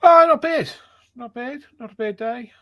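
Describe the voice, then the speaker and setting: A man's voice: extremely high pitch, moderate pace, no room sound, dull audio. A man with a New Zealand accent co-hosting a podcast with casual, wry, teasing banter. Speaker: podcast co-host.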